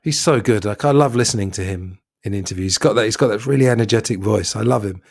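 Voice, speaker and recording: A man hosting a podcast, chatting about a comedy film in an opinionated, relaxed way. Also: lowish voice, quick pace, vocal fry. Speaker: podcast host. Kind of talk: casual film review chat.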